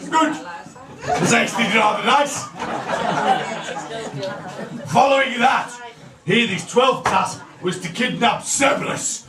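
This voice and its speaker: A man playing a camp, bawdy Roman wine god, telling stories in a shrill pantomime dame manner with theatrical mock-lecturing and crude asides. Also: takes it slowly, long pauses, a crowd in the background, heavily acted. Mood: excitable, bawdy. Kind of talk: live comic pantomime monologue. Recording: echoey, distant live stage recording, noisy audience. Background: loud laughing audience.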